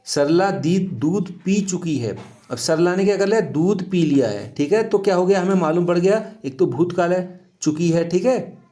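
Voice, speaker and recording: A man teaching a grammar lesson to children. His voice sits a little high for a man. He explains each point step by step and keeps asking quick questions back to his students. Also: animated, dark tone.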